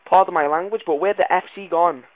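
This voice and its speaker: Man, let's play commentary, excitable, fairly high voice, thin phone-like recording. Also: brisk, dry recording, soft background music. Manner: jumpy and excitable, swears and yells when startled. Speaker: gaming video creator. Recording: tinny lo-fi mic sound.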